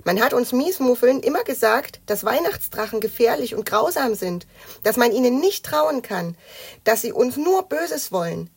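A woman voicing a small male creature from a grumpy folk in a children's audiobook, thoughtful and bright. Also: high-pitched, sing-song, unhurried, few pauses, voice pushed up.

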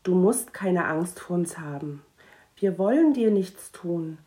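A woman voicing a kind, earnest young boy who talks in a gentle, reassuring way. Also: lowish voice, expressive, slow pace.

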